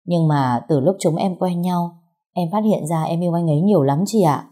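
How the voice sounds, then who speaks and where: A woman's voice: on the low side, moderate pace, dark tone, natural voice. A woman voicing a tearful, pregnant young woman who pleads with her older sister. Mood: tearful pleading. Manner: sobbing, pleading.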